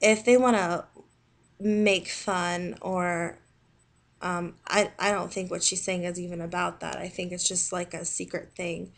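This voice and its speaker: A woman with a Southern American accent, talking casually in a video response, with many pauses and restarts. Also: lowish voice, little pitch movement, creaky. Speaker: video blogger.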